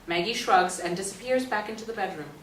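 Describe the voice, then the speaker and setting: A woman narrates a play reading, quickly reading the scripted stage directions in a mid-range voice. She is on an echoey indoor stage or hall, recorded from a distant mic with faint noise.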